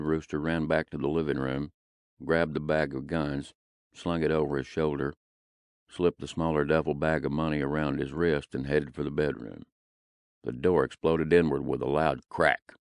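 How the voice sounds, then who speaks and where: Very deep, gravelly male audiobook narrator. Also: no echo, studio quality.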